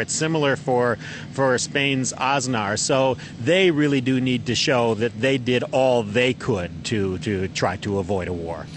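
A male news correspondent reporting live by satellite phone from outdoors, speaking haltingly with many fillers and repeated words. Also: medium pitch, background noise. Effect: satellite phone line. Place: outdoors on an air base tarmac.

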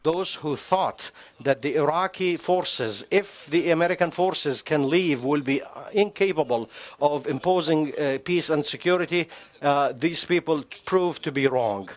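A man speaking as a live interpreter, rendering a statement in halting phrases with fillers. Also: fairly high pitch. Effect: live interpreter voice, heard at a distance.

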